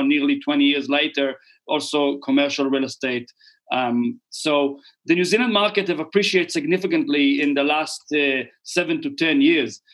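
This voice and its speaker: A middle-aged man with an Israeli accent appears as a podcast guest, a real estate investor explaining things conversationally. His voice is fairly high and fairly bright, the recording's highs are cut off, and he rambles and repeats words.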